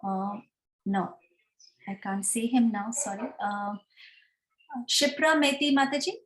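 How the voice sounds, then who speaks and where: A woman's voice: medium pitch, slow pace, fairly bright tone, echoey room. A woman moderating an online meeting, politely calling on each participant by name in brief phrases. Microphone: video call.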